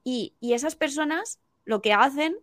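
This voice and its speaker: Woman, higher voice, dry close sound; animated teacher giving advice as a podcast guest. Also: dry recording. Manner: animated, explaining with quick examples. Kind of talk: casual podcast conversation.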